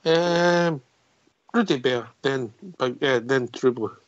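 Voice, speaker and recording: A man's voice: medium pitch, takes it slowly, no echo. A man casually hosting a football phone-in and passing the discussion between speakers. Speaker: phone-in host. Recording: dull, dry lo-fi audio.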